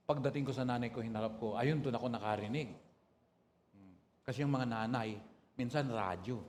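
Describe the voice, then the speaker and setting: Filipino pastor preaching in a reverberant hall. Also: male voice, mid-range voice. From Philippines. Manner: preaching with frequent calls of "Praise the Lord" and "Amen?"; mixes Tagalog with English phrases. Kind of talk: sermon. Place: church hall. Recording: hall reverb with faint room noise.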